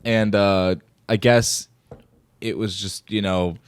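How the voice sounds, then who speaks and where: A man's voice: fairly low pitch, steady tone, takes it slowly, clean tone, no echo. A young man from the American Midwest, co-hosting a podcast and telling a rambling story full of fillers and restarts. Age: young adult. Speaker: podcast co-host. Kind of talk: casual chat.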